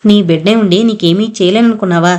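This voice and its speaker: A woman's voice: medium pitch, quick pace, darkish tone, close to an everyday voice. A woman voicing a proud, caring young married daughter who speaks earnestly and with feeling. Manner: earnest and emotional.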